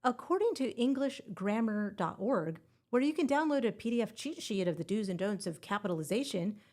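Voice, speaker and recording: A woman's voice: mid-range voice, darkish tone. A woman hosting a scripted exam-prep podcast and teaching grammar in a playful, upbeat way with puns.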